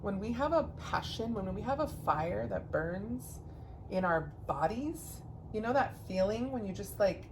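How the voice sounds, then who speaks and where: A woman hosting a podcast, talking earnestly and casually, swearing freely and growing animated. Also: mid-range voice, unhurried, noisy background. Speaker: podcast host.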